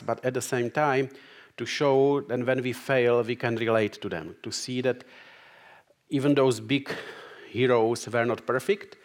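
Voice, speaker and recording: Czech-accented man preaching, halting delivery. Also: medium pitch. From Czech Republic. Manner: halting, frequent "uh" fillers and restarts. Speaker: guest preacher. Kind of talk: sermon with Bible reading.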